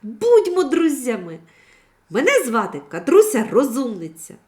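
Lady voicing a bold excited little girl from a storybook, high and squeaky. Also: normal speed.

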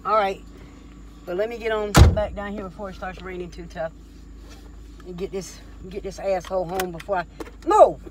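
Middle-aged woman, loud, cursing, scolding, car interior, clear background noise. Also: mid-range voice, normal speed, pauses often. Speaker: prankster's mother. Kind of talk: heated profane scolding in a car. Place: inside a parked car.

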